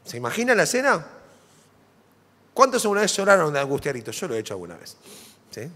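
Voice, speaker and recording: Argentine male pastor, dramatic sermon delivery, lively pitch, reverberant sanctuary. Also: quick pace. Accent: Argentine Spanish. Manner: dramatic, animated preaching with rhetorical questions. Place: church sanctuary. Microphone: stage microphone. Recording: long church hall reverb.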